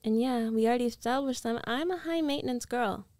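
In an intimate ASMR roleplay, a woman plays a rich, domineering, possessive young ex-girlfriend coaxing her lover back, sounding self-assured and insistent with a condescending edge. Her voice is fairly high, a little mellow, and brisk. The close mic gives a dry, studio-quality recording of her natural voice.

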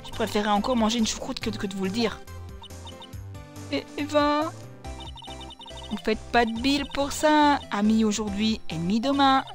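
A woman doing a loud chatty southern French photographer lady, twangy, cocky, high voice, soft music behind. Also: moderate pace, pauses often, close to an everyday voice. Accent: southern French, put on. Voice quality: chatty, exclamatory, playful twang. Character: excitable middle-aged woman photographer, chatty. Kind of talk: reading game dialogue aloud.

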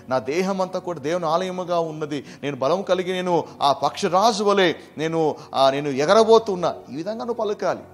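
A man teaching a verse-by-verse Bible study, preaching emphatically and swinging between loud bursts and soft asides. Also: on the high side.

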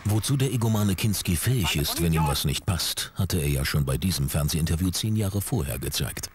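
A man's voice: low voice, animated, fairly quick, slight background noise. A man reading a scripted voice-over narration for a television countdown show. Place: voice-over with music behind.

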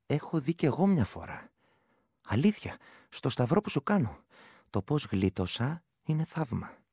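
An actor playing a rural Greek soldier who tells a superstitious tale in old village dialect, in a radio play. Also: male voice, mid-range voice, very animated, slightly rough, no echo, studio quality. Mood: earnest. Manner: storytelling, rustic dialect, shifting loud and hushed. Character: village man, soldier telling a folk tale.

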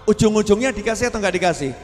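Male preacher, sermon, quizzes listeners, fairly high pitch, faint music behind. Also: rapid-fire, big-room sound. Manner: lively, asks the audience questions.

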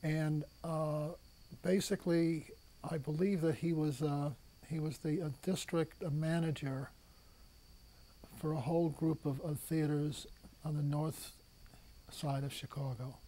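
A man interviewed for a documentary, speaking haltingly with many fillers. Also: a little high, flat delivery, warm tone.

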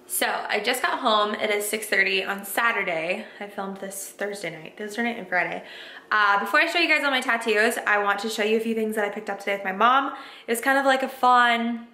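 A woman's voice: medium pitch, fairly quick, sharp tone, soft background music. Chatty woman vlogging in an echoey kitchen. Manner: chatty and upbeat, rambling asides. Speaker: lifestyle vlogger. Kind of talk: casual chat to camera. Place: home kitchen, indoors. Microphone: camera set down nearby.

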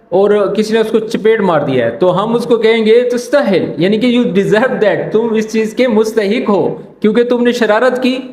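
A male tutor gives a casual Arabic lesson in a fairly high voice. He drills each phrase slowly and keeps asking whether his listeners follow. The room around him rings with echo. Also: a little mellow. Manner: repeats phrases slowly, asks "ٹھیک ہے نا?" often. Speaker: Arabic teacher. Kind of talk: casual language lesson explaining drama lines.

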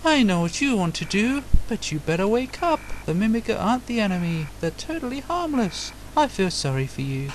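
A man reading aloud the lines of a tough, protective female robot girl from a video game, raising his voice higher. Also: very animated, brisk, few pauses, slight background noise. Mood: defiant. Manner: reads the game's text boxes aloud, pitched up. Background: loud game music.

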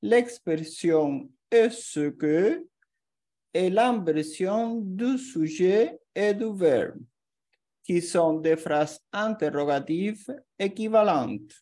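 A woman's voice: on the low side, animated, very slow, warm tone. A woman giving a scripted grammar lesson as a language teacher, carefully reading out example sentences one by one.

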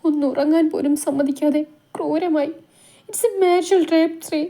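A woman narrator puts on a broken young wife in a storybook reading, her voice pitched up high and pushed louder than the narration. She trembles and pleads through every sentence. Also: normal speed, close to an everyday voice. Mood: frightened.

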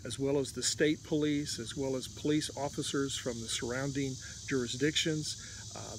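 A man's voice: mid-range voice, background noise. A man in his sixties giving an earnest, exhorting pastoral address to churches outdoors in a garden, filmed close to the camera, with some restarts. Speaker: denominational leader. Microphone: camera close in front, head and shoulders.

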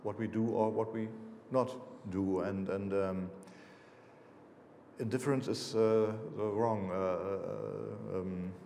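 The author, a native German speaker in his fifties with a German accent, answers questions from the audience about his books while seated on stage, hesitating and restarting often with many fillers. He speaks slowly in a fairly low, gravelly, dark voice with a steady tone. The lecture hall adds a roomy echo and slight background noise.

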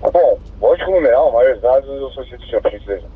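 A man's voice: mid-range voice, expressive, fast talker, breathy edge. A man with a Brazilian accent, a field officer reporting to dispatch over police radio. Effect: two-way radio transmission. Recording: tinny noisy police radio from vehicle.

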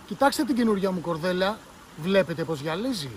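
A man voicing a bossy, sharp-tongued young girl in a read-aloud story, speaking in a raised, scornful way. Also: high-pitched, lively intonation, slight background noise. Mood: proud.

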